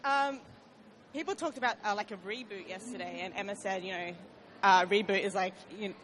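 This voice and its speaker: A woman's voice: medium pitch, fairly quick, a bit bright, slight background noise. A woman in the audience asking a question in a hesitant, casual way, with lots of fillers. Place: convention hall.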